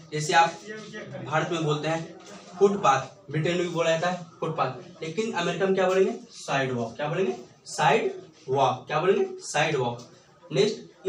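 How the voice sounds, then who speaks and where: A man teaching a lesson in a voice a bit higher than usual, asking the class a question and then giving the answer twice. He spells words out slowly, letter by letter. He is recorded from a distance in a roomy, echoing space with a faint hiss behind him. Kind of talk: classroom lecture in Hindi with English terms.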